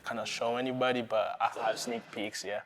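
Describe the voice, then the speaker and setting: Laid-back young man, flat low-key delivery. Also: fairly quick, faint music behind. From Nigeria, raised in Italy. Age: young adult. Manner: relaxed, rambling, many fillers and "you know". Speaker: interview guest, sneaker developer. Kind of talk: casual interview talk.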